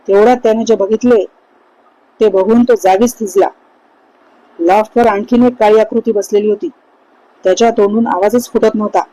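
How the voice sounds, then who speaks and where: A woman narrating a horror story in a measured, suspenseful way. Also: medium pitch, dark tone, dry recording, poor audio.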